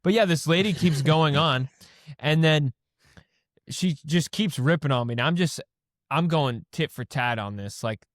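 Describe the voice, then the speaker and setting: A man's voice: fairly high pitch, normal speed, no echo, clean studio sound. A man co-hosting a podcast in casual chat, telling stories with energy and acting out what people said. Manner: animated storyteller, acts out quotes; swears casually. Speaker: podcast co-host.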